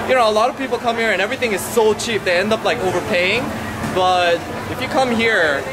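A man in his thirties vlogging casually while walking through an indoor mall food market, filming at arm's length and talking excitedly with many fillers and restarts. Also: sits high, low-quality recording. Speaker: travel vlogger host. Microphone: handheld camera at arm's length.

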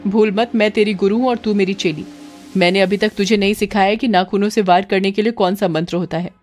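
A woman's voice: mid-range voice, fairly even intonation, fairly quick, a little mellow, lightly acted. A woman voicing a cackling, menacing witch. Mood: menacing, mocking. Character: cruel scheming witch mother-in-law, older woman. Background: faint background music.

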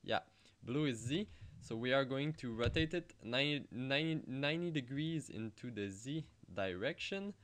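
A young man speaks English with a French accent as he talks through a software tutorial over his screen. His delivery is hesitant, with frequent fillers and restarted words. His voice sits at an ordinary medium pitch. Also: lively intonation, normal speed. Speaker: tutorial host.

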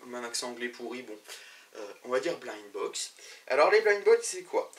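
A man's voice: medium pitch, fairly bright tone, recorded from a distance. A man hosting a web show about games, presenting news to camera in a chatty way, with many fillers and restarts.

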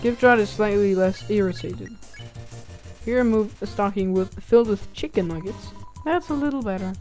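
A woman hosting a casual let's-play, reading the game's text aloud between quick reactions. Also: medium pitch, darkish tone, soft background music. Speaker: gaming channel host.

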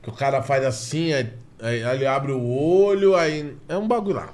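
A man hosting a podcast, chatting casually with slangy, excitable interjections. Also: medium pitch, normal speed, crowd noise. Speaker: podcast host. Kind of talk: casual chat.

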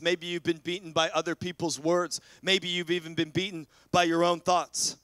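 A man's voice: a little high, fairly bright tone, dry recording. A male pastor preaching a sermon in an earnest way, often repeating words as he builds momentum and calls out to the congregation.

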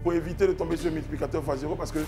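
A man's voice: on the high side, fairly even intonation, racing. A man hosting a TV game show in a studio, playful and joking, quizzing contestants on foreign words. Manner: playful, joking, mock German accent. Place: TV studio set. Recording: music playing behind. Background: music.

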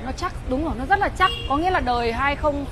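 A woman in her thirties with a Northern Vietnamese accent gives an insistent, repetitive hard-sell pitch as a live scooter seller, addressing viewers directly. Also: fast talker. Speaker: used scooter seller hosting a live sale. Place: outdoors on a busy city street outside a shop. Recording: noisy street recording with traffic and chatter.

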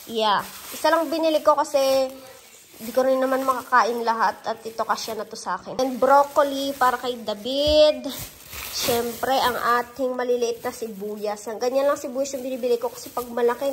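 The recording is rough, with slight background noise, as a Filipina vlogger in her thirties chats with followers from her kitchen and living area, phone held at arm's length. Her voice is a little high and her pace moderate, her manner chatty and full of playful asides.

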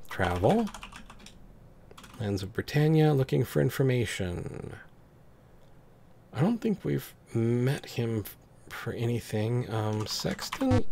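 A man's voice: mid-range voice, gravelly, a little mellow, a little hiss or hum. A man hosting a let's play, reading the on-screen dialogue aloud and adding dry comments.

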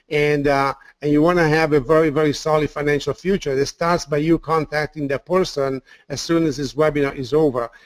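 An Italian-accented man gives an enthusiastic sales webinar presentation, frequently repeating words and leaning on fillers. His voice sits on the high side, with no room sound.

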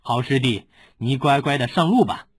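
A man's voice: mid-range voice, moderate pace, husky, dry recording, lightly acted. A man voicing a scheming, cruel older swordsman who gloats over a captured rival. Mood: sneering. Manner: sneering, gloating.

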